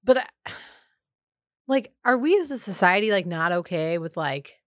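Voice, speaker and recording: A woman's voice: fairly low pitch, expressive, normal speed, dry recording, studio quality. A woman co-hosting a casual advice podcast, chatty and opinionated, with many filler words. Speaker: podcast co-host.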